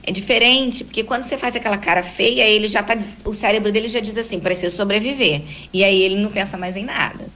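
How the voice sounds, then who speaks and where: A woman explaining how to calm and comfort young children, acting out the gentle words a parent would say. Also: medium pitch, fast talker, hardly any pauses, rough recording. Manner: warm explanatory, acts out gentle talks with a child. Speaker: parenting guest expert. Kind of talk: conversational advice talk.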